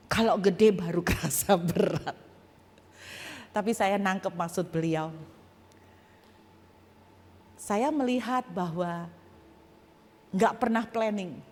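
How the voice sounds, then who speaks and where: Animated woman pastor in reverberant hall. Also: medium pitch, husky. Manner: animated storytelling, acting out voices and addressing the congregation directly. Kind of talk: sermon with personal testimony. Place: church hall.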